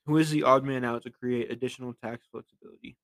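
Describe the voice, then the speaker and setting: A man's voice: mid-range voice, fairly even intonation, fast talker, fairly bright tone, dry recording. A young man co-hosting a casual sports podcast, reading listener questions aloud and sometimes stumbling over the words. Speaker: podcast co-host.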